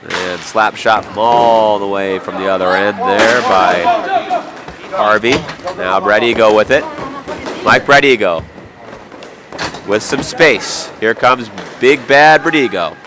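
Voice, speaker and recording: A man's voice: on the low side, takes it slowly, noisy background. A man with a nasal voice from a cold, calling amateur hockey play-by-play in an indoor arena with chatty, jokey asides. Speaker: play-by-play commentator.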